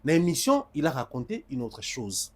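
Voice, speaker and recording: A man's voice: mid-range voice, wildly swooping pitch, moderate pace, darkish tone. A man, commentating emphatically in a heated studio debate on music, switching between French and Lingala.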